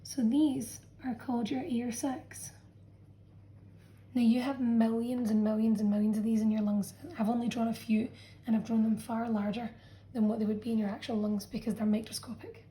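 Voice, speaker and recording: A woman teacher walks students through a revision lesson in a patient, explanatory way, often pausing to check in. Her voice sits a little high but sounds mellow and warm. It comes across as a friendly classroom explanation. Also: little pitch movement, rough recording. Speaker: science teacher. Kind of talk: revision lesson narration over a drawn diagram.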